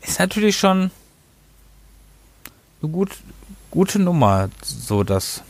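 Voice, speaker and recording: A man's voice: sits high, very animated, slow, no echo. A man hosting a casual game review podcast, rambling and often tripping over his words and correcting himself. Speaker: podcast host.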